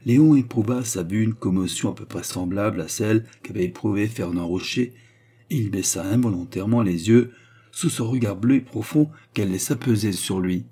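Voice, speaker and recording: A man narrating a novel as an audiobook in a measured, even reading. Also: on the low side, slightly rough. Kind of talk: scripted narration.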